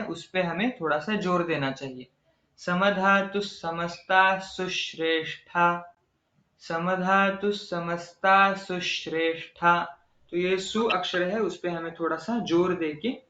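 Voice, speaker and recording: A man teaching as an Ayurveda instructor in a recorded online lecture, explaining carefully and slowly chanting verse examples. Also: high voice, a bit bright, roomy sound, muffled recording.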